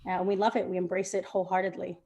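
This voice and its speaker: The chef's daughter, a young woman appearing as a guest, talks casually on a video call with earnest, heartfelt feeling and many fillers. Her lowish voice is mellow and flat, she races along, and the recording sounds muffled.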